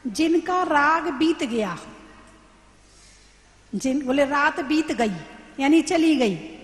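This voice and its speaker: A woman, a Jain nun, giving a sermon, quizzing her listeners and answering her own questions in a slow, teacherly way. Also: high-pitched, animated. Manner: questions the audience and answers herself; slow, teacherly explaining with examples. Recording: roomy hall with long reverb.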